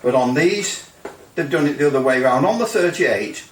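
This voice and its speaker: In an expressive, medium-pitched voice at normal speed, a man gives an informal hands-on demo of radio gear. He rambles, hesitates and grumbles in asides, and the sound is roomy with a distant mic and faint noise.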